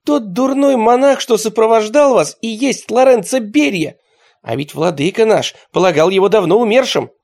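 A man's voice: high-pitched, moderate pace, creaky, darkish tone, voice pushed up. A man voicing a jealous, hot-tempered nobleman who exclaims dramatically, in a storybook reading. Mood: indignant.

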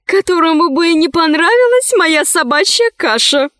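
A woman's voice: very high-pitched, expressive, normal speed, fairly bright tone, no echo, studio quality, voice pushed up. A woman doing an eager, emotional young woman. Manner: eager, exclamatory.

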